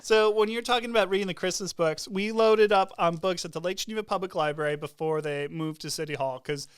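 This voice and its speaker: A man's voice: sits high, fairly even intonation, fairly quick, clean tone. A man, co-hosting a podcast in casual chat, joking and teasing. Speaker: podcast co-host.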